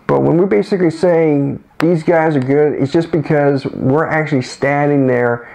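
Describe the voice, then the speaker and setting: Gravelly-voiced man hosting a casual chat. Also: on the high side, normal speed, darkish tone, poor audio. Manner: rambling, restarts often. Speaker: co-host.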